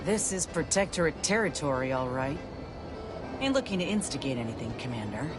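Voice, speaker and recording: A woman's voice: very deep voice, very animated, brisk. An actress playing a tough, folksy female companion soldier, informal and defiant, in video game dialogue. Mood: defiant, wry. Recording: music behind the voice.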